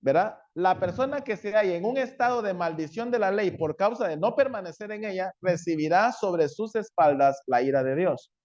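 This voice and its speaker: A man preaching a sermon as pastor, often checking in with his congregation and acting out the law shouting accusations. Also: high-pitched, animated, moderate pace, hardly any pauses, highs cut off. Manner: asks the congregation frequent "¿sí?" and "¿verdad?".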